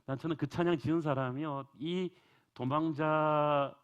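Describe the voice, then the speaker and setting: A man's voice: a little high, steady tone, measured pace, clean tone, dull audio. A male pastor preaching a revival sermon in a church, earnest and emphatic, rising in force to stress points.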